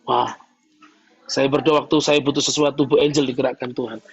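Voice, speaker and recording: A male pastor preaching a sermon, telling stories with lively acted-out dialogue. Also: mid-range voice, brisk, vocal fry, breathy edge, highs cut off. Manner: animated storytelling, acting out voices in his stories.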